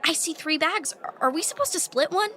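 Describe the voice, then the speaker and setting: A woman voicing a bright, eager teenage schoolgirl who explains things like a know-it-all. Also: very high-pitched, expressive, fairly quick, heavily acted.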